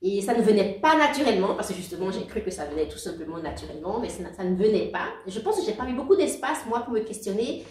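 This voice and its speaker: Speaking as an interview guest, a woman in her forties who isn't from Belgium tells her life story casually, with warmth, hesitations, frequent restarts and laughter, looping back over her phrasing. The medium-pitched voice comes across a little off-mic in a spacious room, video-call style.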